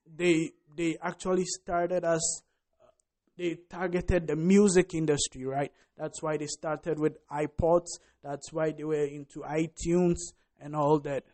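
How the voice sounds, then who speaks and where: A man's voice: on the high side, darkish tone. A man giving an emphatic motivational business talk, often asking "right?" and saying "listen". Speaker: business vlogger.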